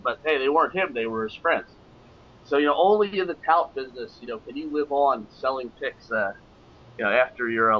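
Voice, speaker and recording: A man's voice: fairly high pitch, muffled recording. Rambling man telling gambling stories. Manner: rambling, with many fillers and laughs. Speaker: podcast guest, professional gambler. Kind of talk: casual storytelling.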